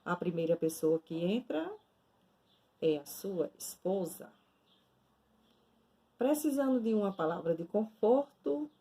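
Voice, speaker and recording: A woman, a nun giving a devotional, telling a story in a slow, dramatic second-person way. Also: on the low side, warm tone, slightly rough, poor audio.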